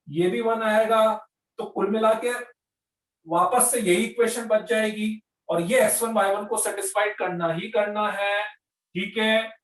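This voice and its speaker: A man teaching a maths class online, explaining patiently, repeating each point and often checking that his students follow. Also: high voice. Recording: echoey room, mic at a distance.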